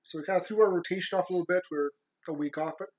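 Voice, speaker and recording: A woman co-hosting a podcast in a casual, chatty style, halting and often repeating her words. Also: fairly low pitch, fairly even intonation, a little mellow. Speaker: podcast co-host.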